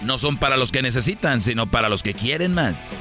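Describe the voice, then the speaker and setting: A man co-hosts a comedy radio show in a mid-pitched voice that rises and falls a lot. He throws in short, teasing quips. Music plays behind him. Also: lively intonation, fairly quick. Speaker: radio co-host. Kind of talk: joking radio banter.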